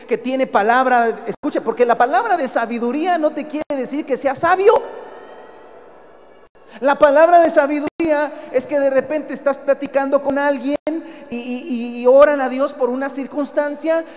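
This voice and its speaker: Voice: sits high, long reverb tail. A preacher with a Mexican accent delivering an emphatic sermon, often calling the listeners brother and asking them rhetorical questions.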